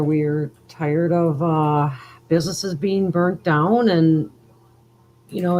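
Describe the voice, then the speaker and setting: Woman speaking slowly on a panel. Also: deep voice, darkish tone, slight background noise, low-quality recording. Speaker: trial witness guest. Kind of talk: casual panel chat.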